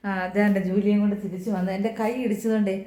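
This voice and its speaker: A woman's voice: mid-range voice, level tone, very fast, background noise. A middle-aged woman, chatting to the camera in a casual home vlog while doing chores with a sore, hurt hand. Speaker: home vlogger.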